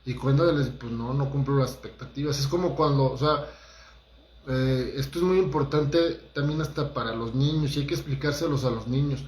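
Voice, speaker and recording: A man's voice: medium pitch, normal speed, a little mellow, reverberant. A man, a holistic therapist giving a conversational motivational talk and speaking straight to his listeners. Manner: conversational, addresses listeners directly, acts out quotes.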